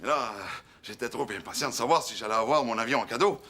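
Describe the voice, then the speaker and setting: An actor with a Quebec French accent playing Crocus, a playful, excitable young clown telling a story on a children's TV show, with many hesitations. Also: male voice, medium pitch, quick pace. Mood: storytelling. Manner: animated, many hesitations, shifting into other voices. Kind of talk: children's TV monologue.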